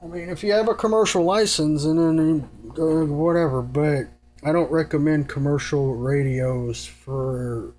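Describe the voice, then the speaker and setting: Seated at a table indoors, a man offers radio gear advice in a casual, unscripted, hands-on explanation. His voice is on the high side with a darkish tone, and he speaks unhurriedly, rambling in an informal, matter-of-fact way. The home recording is noisy, with clear noise and hum.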